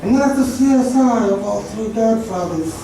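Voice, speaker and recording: A man's voice: sits high, lively intonation, normal speed, warm tone. Theatrical man's comedy rant in a very echoey room. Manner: rambling chained wordplay and rhymes, theatrical. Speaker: stand-up comedian. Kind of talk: escalating stand-up comedy rant. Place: live stand-up venue. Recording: very echoey room, distant mic, clear noise.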